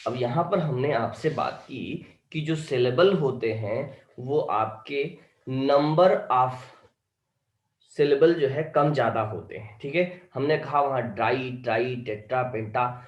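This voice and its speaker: A man's voice: fairly high pitch, takes it slowly, darkish tone, reverberant. A male teacher, giving an online lecture and often checking whether students have understood. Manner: keeps asking students if they understood.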